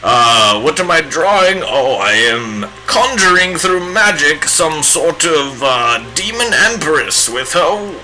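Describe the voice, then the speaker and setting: A man's voice: on the high side, big pitch swings, loud music behind the voice, poor audio. A man playing a pompous bearded old wizard with a put-on British accent, hamming it up while he paints live. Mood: grandiose. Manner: hammy, drawn-out theatrical wizard speech.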